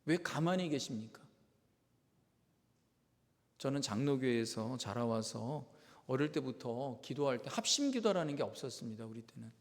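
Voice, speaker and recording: Impassioned male pastor with lively pitch. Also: moderate pace. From South Korea. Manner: swings from soft asides to loud impassioned cries. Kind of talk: sermon. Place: church sanctuary. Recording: long hall reverb in a church.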